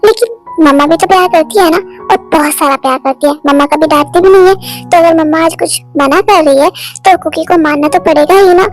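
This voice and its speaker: A voice actor playing a kind young aunt gently coaxing a little boy in an amateur fan dub. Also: very high voice, a little fast, soft background music, rough recording. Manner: coaxing, soft.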